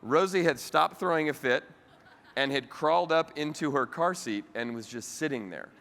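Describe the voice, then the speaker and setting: Bright-voiced man giving a keynote in a hall. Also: fairly high pitch, normal speed, creaky. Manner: animated storytelling with the audience, voice rising sharply when telling a funny part. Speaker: keynote speaker. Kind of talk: motivational keynote speech. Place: large convention hall. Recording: live hall recording with long reverb.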